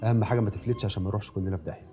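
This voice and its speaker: An actor playing a world-weary, calculating senior security official with an Egyptian accent, in a TV drama. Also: male voice, on the low side, racing, music in the background, lightly acted. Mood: weary scheming. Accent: Egyptian Arabic. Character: weary scheming senior security chief, man. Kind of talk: TV drama acting.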